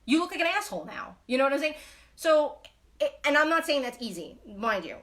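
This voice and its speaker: A woman chats on a live stream, blunt and foul-mouthed, rambling through endless fillers. Her voice has a bright, sharp edge. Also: sits high, very animated, brisk. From Brooklyn, New York. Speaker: knitting live-stream host. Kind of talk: casual live-stream chat.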